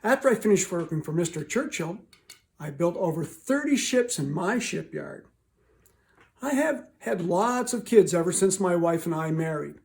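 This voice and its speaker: A man's voice: high-pitched, expressive, normal speed, gravelly, a little mellow. A man playing the proud, hard-working ghost of a 19th-century shipbuilder in a first-person monologue. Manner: proud, folksy.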